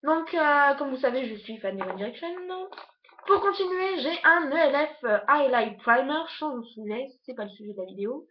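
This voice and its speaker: Hurried, chatty young woman reviewing makeup. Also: sits high, lively intonation, lo-fi sound, a little hiss or hum. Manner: hurried, chatty, many fillers. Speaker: beauty vlogger. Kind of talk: casual product review. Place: on her bed at home, indoors.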